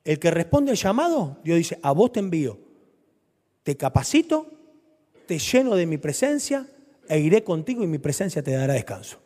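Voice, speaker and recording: Speaking at normal speed, a male preacher with a high, lively voice and a Rioplatense Spanish accent lets his pitch climb and drop through the sermon. His lines alternate between loud urgency and soft, low tones, ringing out with a long, church-hall reverb.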